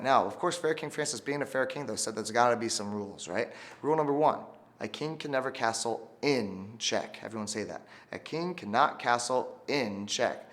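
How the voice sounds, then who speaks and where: In an instructional video for teachers, a man teaches chess through a story, using call-and-response cues for kids. His voice is mid-range with a fairly bright tone.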